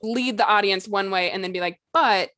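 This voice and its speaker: A woman co-hosting a podcast explains fiction-writing tips in a casual, instructional chat, hedging informally with plenty of "like" and "you know." Her mid-range voice is bright and forceful, at normal speed. The sound is clean studio audio with no room sound.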